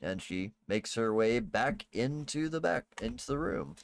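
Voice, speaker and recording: A man working as game master, improvising tabletop game narration in a casual, halting way. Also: mid-range voice, big pitch swings, vocal fry.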